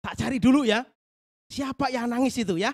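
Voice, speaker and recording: A man leading a Sunday school lesson, talking to the children in a lively, coaxing way and telling a Bible story. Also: very high voice, fairly quick. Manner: animated, coaxing, talks straight to the children.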